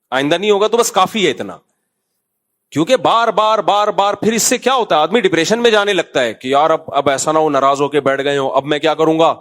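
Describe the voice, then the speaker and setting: A man with a Pakistani Urdu accent giving an informal sermon, telling anecdotes and gently scolding his listeners in a conversational way. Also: high-pitched. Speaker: mufti giving a religious talk.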